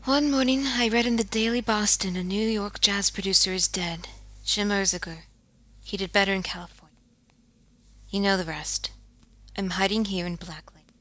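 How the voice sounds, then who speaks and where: In scripted game voice acting, an actress plays a grieving, haunted jazz singer bent on revenge, narrating her own story confessionally. Her medium-pitched, moderately paced, lightly acted delivery is quiet, bitter and world-weary, often dropping to a whisper, over faint music.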